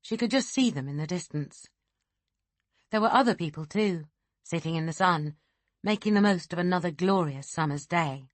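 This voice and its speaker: A woman narrating a thriller audiobook in a steady, unhurried way. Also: fairly low pitch, dry recording. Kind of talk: scripted narration.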